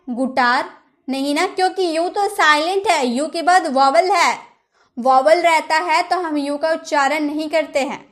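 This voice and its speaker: A high-pitched woman leads an English pronunciation lesson. She repeats each word in drills and keeps asking the viewer questions. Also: a bit bright. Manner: drills words, asks the viewer rhetorical questions. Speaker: English teacher.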